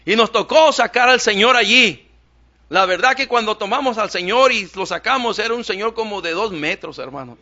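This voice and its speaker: A male pastor preaches in a high, bright voice, telling his story through emphatic repeated phrases. The church recording sounds dull and lo-fi. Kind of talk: sermon.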